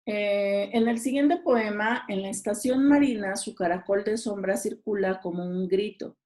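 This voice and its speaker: A woman's voice: medium pitch, unhurried, darkish tone. A woman teacher, reading exam questions aloud and talking through each answer, often checking in with her listeners. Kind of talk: exam review lesson.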